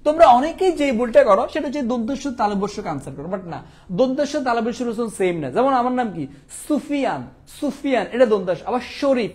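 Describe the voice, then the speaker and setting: Young bangladeshi guy rattling through a revision class, quizzes and answers himself, quick pace. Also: very high-pitched, darkish tone. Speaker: teacher. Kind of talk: exam revision lesson.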